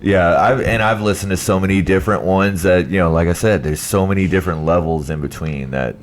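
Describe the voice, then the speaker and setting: A man with a deep voice talks as a podcast host. He explains things in loose, conversational language, like someone chatting in a living room. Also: a little fast, slight background noise. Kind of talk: casual chat, explaining.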